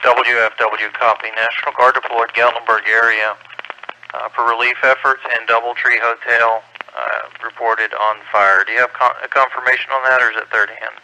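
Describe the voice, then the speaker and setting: A man's voice: mid-range voice, little pitch movement, normal speed, sharp tone, slight background noise, poor audio. An American man working as an amateur radio net controller, giving terse, procedural emergency updates in clipped phrases over a two-way radio. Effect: two-way radio transmission. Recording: amateur radio transmission, dry.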